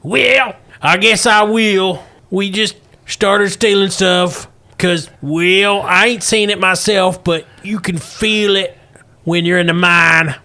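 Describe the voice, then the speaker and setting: A man's voice: sits high, fairly even intonation, slow, sharp tone, voice pushed up, full character voice. A man voicing a frightened, evasive old miner in a folksy old prospector drawl for a tabletop game. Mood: uneasy, confiding.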